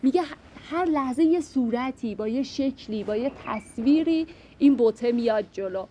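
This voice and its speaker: A woman's voice: high voice, lively intonation, dark tone, a little hiss or hum. A woman teaching classical poetry, reading verses aloud and thinking them through as she explains. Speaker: literature teacher.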